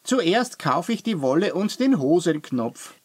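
A woman voicing a small, cheerful male kobold in a children's audiobook, with a bright, eager storybook voice. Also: lowish voice, big pitch swings, unhurried, slightly rough, no echo, full character voice.

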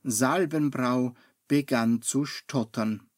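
A man narrating a children's story in a calm, unhurried way. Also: medium pitch, no echo, studio quality.

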